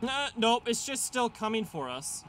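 A man giving casual, expressive commentary as he plays a video game, often talking to the game in exasperation. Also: extremely high pitch, moderate pace. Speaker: gamer, let's play host. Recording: clear game noise behind. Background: game sound effects and ambience.

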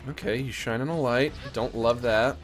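A man's voice: mid-range voice, normal speed, soft background music. A man giving casual, playful video game commentary, often silly and repeating himself.

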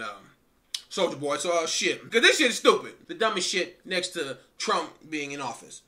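A young man hosting a music reaction, talking casually in an animated, profane way and laughing often. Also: a little high.

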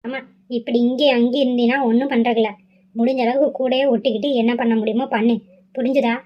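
A woman voicing a bossy, scheming middle-aged mother who talks low and nags insistently, in a cartoon. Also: fairly even intonation, fast, lightly acted. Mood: nagging, scheming. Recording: slightly dull lo-fi audio.

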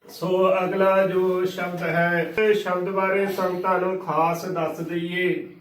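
A man teaching the correct pronunciation of sacred scripture, spelling out each word slowly and methodically and repeating it. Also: high voice, flat delivery. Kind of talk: religious pronunciation lesson. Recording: echoey room, voice from a distance.

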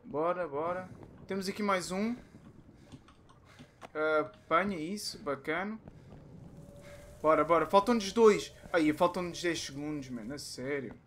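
A young man with a European Portuguese accent, commentating a horror game, muttering to himself and bursting into shouts. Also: on the high side, measured pace, pauses often, a little hiss or hum. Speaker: gaming youtuber.

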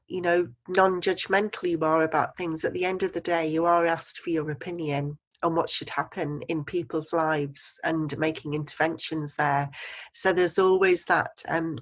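A middle-aged woman speaking thoughtfully in a casual interview over a video call from home. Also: lowish voice.

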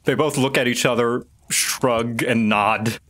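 A man narrating as game master in a tabletop game, casual and halting. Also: medium pitch, fairly even intonation, fairly bright tone.

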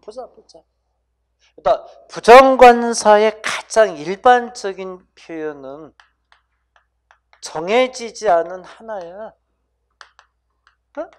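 Casual lecturing teacher, mid-pitched voice, talks down familiarly to students and keeps tagging "right?". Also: slow, long pauses. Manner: addresses students directly, coaxing them to repeat sounds. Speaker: English grammar teacher. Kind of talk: exam-prep lecture.

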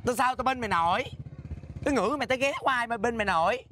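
An actor playing a sassy, sharp-tongued flamboyant man in a comic scolding rant. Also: very high-pitched, fast talker, slight background noise. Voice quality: sassy, nagging, theatrical. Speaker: comedy sketch actor.

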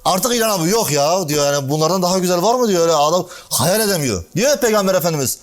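A male preacher telling a religious story in a casual sermon, acting out the dialogue and speaking directly to listeners by name. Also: racing. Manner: animated storytelling, acting out dialogue with shifting pitch.

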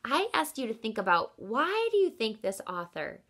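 A woman in her thirties with a fairly high voice reads a picture book at a moderate pace, acting as a teacher. She is expressive and instructive, turning to the children directly to explain and to question them.

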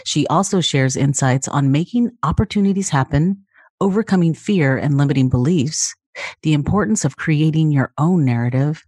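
A woman's voice: low-pitched, mellow, breathy edge, no echo, clean studio sound. A woman hosting a podcast, reading a polished introduction and then chatting eagerly with fillers. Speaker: podcast host. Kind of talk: scripted intro then interview chat.

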